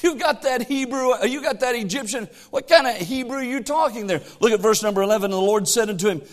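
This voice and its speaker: A middle-aged pastor preaches a sermon in a very high-pitched voice, talking fast. He swings between loud exhortation and quiet asides, and reads scripture aloud in a raised voice.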